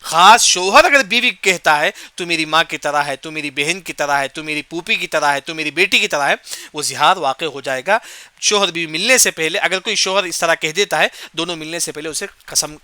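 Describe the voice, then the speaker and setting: A man's voice: fairly high pitch, pushed and bright, clear, resonant tone, no echo. A man giving a Quran commentary lesson. He asks and answers his own questions, repeats key points, and recites short Arabic verse phrases before explaining them. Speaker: Quran teacher.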